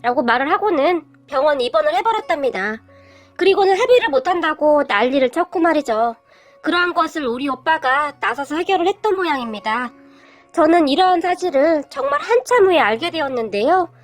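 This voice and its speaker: A woman with a high, light voice reads a first-person story aloud at an even storytelling pace. Faint music plays softly underneath. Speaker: story reader. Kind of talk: reading a submitted story aloud.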